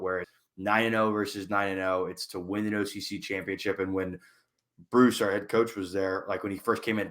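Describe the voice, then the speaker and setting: A high school football coach co-hosting a podcast, speaking earnestly and reflectively in casual chat. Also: male voice, a bit bright. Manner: earnest and reflective, with small restarts.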